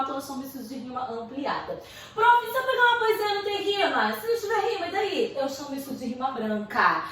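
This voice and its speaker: Brazilian Portuguese accent, young woman, literature teacher, high voice, playful, slangy, echoey room, off-mic. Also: a bit bright, far from the mic. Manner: chatty, slangy, with playful asides. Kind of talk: casual video lesson.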